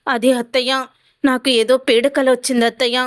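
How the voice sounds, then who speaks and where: A woman's voice: high-pitched, level tone, moderate pace, close to an everyday voice. A woman reading the lines of an anxious, evasive young wife in a retold family drama, in a nervous, excuse-making way.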